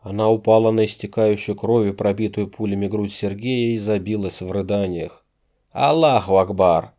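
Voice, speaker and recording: Male audiobook narrator, low and mellow, measured and dramatic. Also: flat delivery. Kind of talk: scripted narration.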